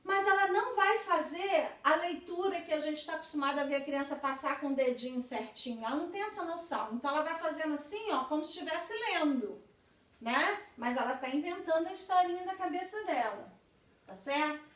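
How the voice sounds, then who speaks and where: A woman's voice: high-pitched, expressive, a little fast, a bit bright. A woman teacher giving a lecture, explaining patiently and often checking in with her listeners with tag questions. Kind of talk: recorded lecture explaining literacy stages. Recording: echoey room, voice from a distance from the mic.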